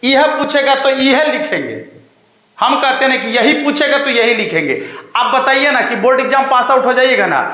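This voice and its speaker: A man with a Bihari Hindi accent teaching a math lesson online, coaxing students with drawn-out questions and emphatic promises. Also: very high voice, expressive, pushed and bright, reverberant, low-quality recording.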